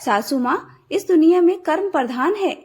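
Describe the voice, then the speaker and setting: A woman's voice: very high voice, animated, moderate pace, a little mellow. A woman voicing a proud, scornful young daughter-in-law who mocks her elders in a storybook tale. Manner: mocking, dismissive.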